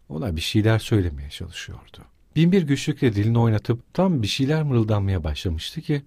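Man reading a novel aloud, husky dark voice, slow and dramatic, dry sound. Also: on the low side, dry recording. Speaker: audiobook narrator. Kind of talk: scripted narration.

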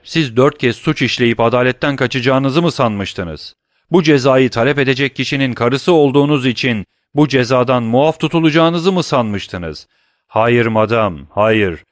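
A man's voice: medium pitch, no room sound, clean studio sound, lightly acted. A man voicing a stern middle-aged male prosecutor in an audiobook, accusing in a cold, cutting manner. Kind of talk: audiobook reading.

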